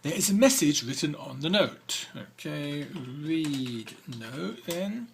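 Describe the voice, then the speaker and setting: A man's voice: on the high side, expressive, slow pace, creaky, a little hiss or hum. A man hosting a game walk-through, reading the game's text aloud between hesitant comments full of fillers. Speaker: let's-play host.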